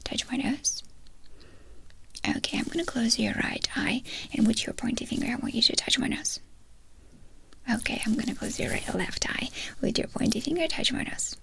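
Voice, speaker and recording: A woman performs a fast ASMR whispered role-play as a medical examiner. Her whisper is breathy and crackles with fry. She gives brisk, clipped instructions and questions in quick succession. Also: a little high, a bit bright.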